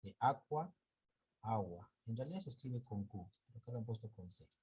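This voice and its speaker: A man teaching an online class, lecturing slowly and haltingly, often stopping to correct himself. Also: on the low side, mellow, breathy edge.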